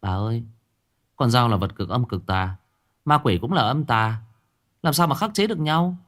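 A man's voice: mid-range voice, lively intonation, normal speed, a bit bright, pitched above the performer's own voice, close to an everyday voice. A man voicing a cheeky, curious village boy who questions an old woman. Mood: questioning.

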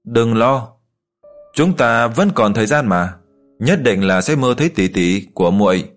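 Man voicing a calm young hero. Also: medium pitch, normal speed, faint music behind, lightly acted. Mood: reassuring. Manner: calm, reassuring.

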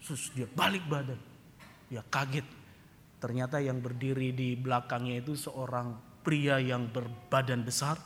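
A male pastor preaching emphatically in a church, swelling to loud declarations and dropping low for storytelling. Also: steady tone, measured pace, a little hiss or hum. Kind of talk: sermon. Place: church hall. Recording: reverberant church hall.

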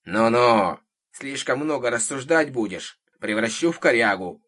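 Man putting on a hoarse old witch. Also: lowish voice, moderate pace, a bit bright. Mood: scolding. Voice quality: hoarse, cawing like a crow. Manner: domineering, grumbling. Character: gruff bossy old witch woman.

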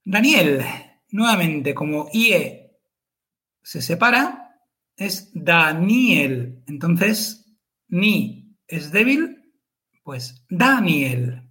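A man's voice: sits high, big pitch swings, extremely slow, long pauses, sharp tone. A man, co-hosting a podcast chat and explaining pronunciation carefully, syllable by syllable. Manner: careful and methodical, spells out syllables.

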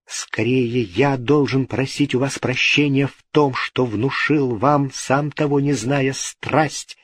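A man voicing a steady, gentle Scottish nobleman who speaks calmly and reassuringly in a storybook reading. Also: mid-range voice, slow, slightly rough, dry recording. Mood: calm reassurance. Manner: calm, reassuring.

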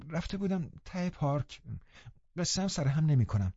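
A hushed, pleading young woman, as a male reader puts her on in a storybook audiobook. Her voice sits higher and quieter than the reader's own mellow tone, recorded dry and a little dull. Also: sing-song, breathy edge, dry recording. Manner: soft, pleading and apologetic.

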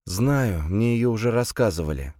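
A man reading aloud, voicing a young woman who is crying, with high, strained, pleading outbursts. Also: expressive, moderate pace, warm tone, no echo, studio quality, close to an everyday voice. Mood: agitated. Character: distraught young woman, tearful and quick to anger.

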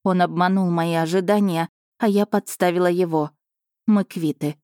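A woman narrating a first-person romance novel in a measured storytelling manner. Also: fairly low pitch, steady tone, mellow, no room sound, studio quality. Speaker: audiobook narrator.

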